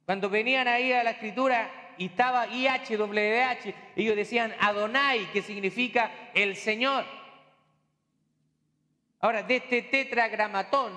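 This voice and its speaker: A man's voice: high voice, sharp tone, in a large hall. A man preaching a sermon as pastor, explaining in a teaching tone with rhetorical questions and homely asides.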